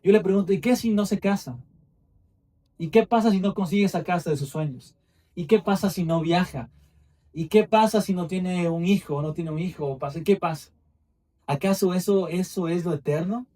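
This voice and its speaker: A young man preaches with fervor, building his phrases through repetition. His voice sits fairly high but has a dark, mellow tone. He is heard from a distance, picked up by a mic in a church. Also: moderate pace. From Ecuador. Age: 20s. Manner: fervent, repetitive phrasing with rising emphasis. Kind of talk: sermon.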